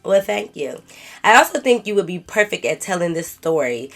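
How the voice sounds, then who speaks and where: Congested from a cold, this young female vlogger has a fairly bright voice on the low side, with big swings in pitch and a moderate pace. She's doing a relaxed storytime, reading out a viewer's story and firing back sassy slang reactions.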